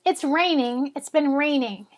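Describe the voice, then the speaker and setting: A blogger in her forties, stuffed up from a cold, speaks in a high, unhurried voice. She rambles and corrects herself in casual vlog chat aimed at her blog readers.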